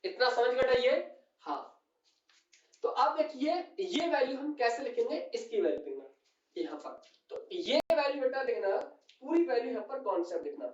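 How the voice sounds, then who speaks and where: A man's voice: extremely high pitch, big pitch swings, moderate pace. A male physics teacher explaining on a whiteboard, who keeps calling his students "beta" and asks and answers his own questions. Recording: distant, roomy and dull classroom recording.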